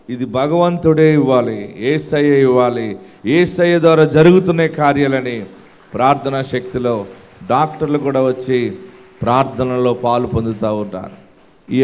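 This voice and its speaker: A man pastor giving a fervent live sermon and prayer, repeating his lines and building to shouted declarations. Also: mid-range voice. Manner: repetitive, rising to shouted declarations.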